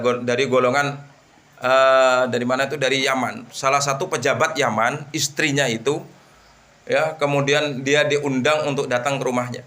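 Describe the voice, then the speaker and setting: A man teaching an Islamic book study, telling a moral story with lively rhetorical questions. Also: mid-range voice. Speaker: religious teacher.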